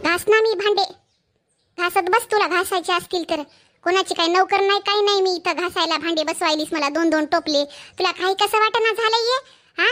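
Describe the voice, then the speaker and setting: A woman voicing an indignant grown daughter with a Marathwada Marathi accent who scolds her mother in a shrill tone. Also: brisk, a bit bright, soft background music. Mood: indignant scolding.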